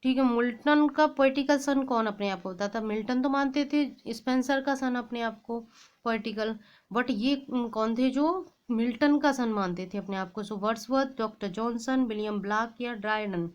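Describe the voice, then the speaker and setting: A woman's voice: fairly high pitch, moderate pace, clear, resonant tone, highs cut off. A woman with an Indian accent teaching an exam lesson, reading out quiz questions and naming the answers, mixing Hindi and English. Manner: reads each question, then names the answer with "it is guys".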